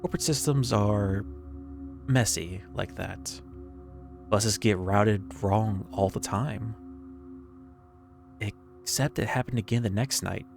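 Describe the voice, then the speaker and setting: Brief: male horror narrator, lowish voice, creeping suspenseful pacing with pauses, faint music underneath. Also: vocal fry. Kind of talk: scripted first-person horror narration.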